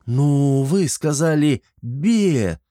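A man's voice: a little high, lively intonation, very slow, mellow, no echo, studio quality, voice pushed up. A man voicing a naive, eager young peasant girl serving as a squire, earnest and easily confused. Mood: puzzled. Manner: earnest, bewildered, literal-minded.

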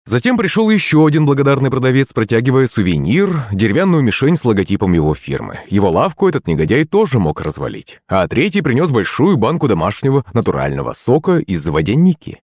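A man narrating a fantasy audiobook in an animated storytelling manner. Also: mid-range voice, a little fast, few pauses, no echo, studio quality. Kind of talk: scripted narration.

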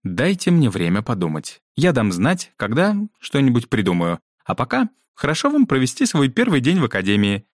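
A man's voice: medium pitch, huge pitch swings, moderate pace, few pauses, no echo, pitched above the performer's own voice. A man voicing a strict, dry-witted woman teacher who questions two pupils in a clipped, stern manner, read out in a storybook.

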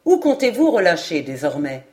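A woman voicing an eager, absent-minded male French geographer who talks in lively, emphatic exclamations in an audiobook. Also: on the low side, normal speed. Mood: excited.

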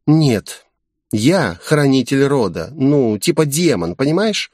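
A man's voice: mid-range voice, very animated, slow pace, darkish tone, no room sound, clean studio sound, pitched above the performer's own voice. A man voicing a purring flirty demon woman. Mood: coaxing. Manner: purring, coy and playful. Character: flirtatious teasing female demon guardian. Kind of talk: audiobook character voice.

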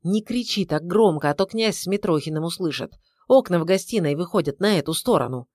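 A woman's voice: fairly low pitch, expressive, brisk, a little mellow, no room sound, clean studio sound. A woman voicing a sarcastic, irritable middle-aged husband who grumbles. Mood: irritated.

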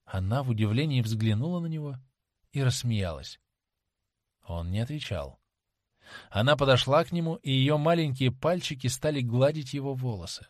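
A male audiobook narrator with a mid-range voice who reads in a measured, even way and sinks low and quiet at each speech tag. The recording is dry and close, with no room sound. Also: no room sound.

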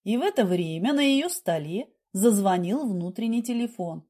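A woman narrating an audiobook in an expressive reading style. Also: medium pitch, normal speed.

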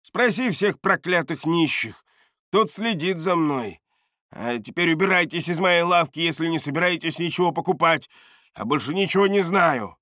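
A man's voice: a little high, expressive, normal speed, bright, forceful tone, no echo, studio quality, pitched above the performer's own voice. A man voicing a jittery, shifty male dealer who whines and pleads in a raised voice. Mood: grumbling.

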